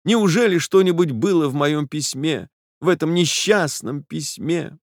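A man's voice: mid-range voice, expressive, moderate pace, no echo, clean studio sound, pitched above the performer's own voice, lightly acted. A man reading an audiobook, voicing a heartbroken young woman who pleads through tears with a breaking voice. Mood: pleading. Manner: tearful, imploring, breaking voice. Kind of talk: audiobook character voice.

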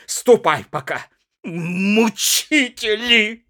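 Guy doing a tipsy jealous husband in a storybook reading, yelling way up high, loud and slow. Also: lively intonation, no room sound, clean studio sound, heavily acted. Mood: bellowing. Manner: shouting, berating, high strained yells. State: slightly drunk. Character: drunk jealous husband, bullying and ranting. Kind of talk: dramatic audiobook reading.

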